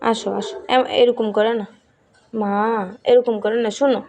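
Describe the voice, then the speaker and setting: A woman, softly pleading and coaxing her pet outdoors at night, repeating herself. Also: a little high, steady tone, normal speed, slight background noise. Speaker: pet owner.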